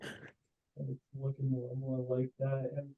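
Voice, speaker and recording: A man's voice: mid-range voice, completely flat delivery, slow pace. A man co-hosting a casual podcast chat, his voice muffled and hollow as if talking inside a fishbowl. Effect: muffled mic, like talking inside a fishbowl. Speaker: podcast co-host. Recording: muffled, distant, lo-fi mic.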